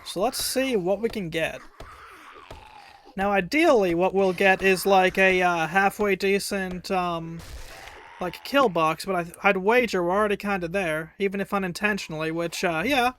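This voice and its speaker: A man's voice: sits high, normal speed, fairly bright tone, a little hiss or hum. A man casually commenting on his own gameplay during a live stream, chatty and wry, taunting enemies as he plays. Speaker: game streamer.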